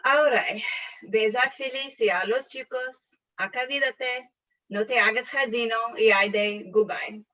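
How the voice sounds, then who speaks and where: A woman's voice: on the high side, a little slow, pushed and bright. A woman reading the part of a worried, scolding mother calling her son in a scripted dialogue. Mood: nagging. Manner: scolding, nagging, full of complaints. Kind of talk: read-aloud scripted dialogue. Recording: far from mic, dull lo-fi sound.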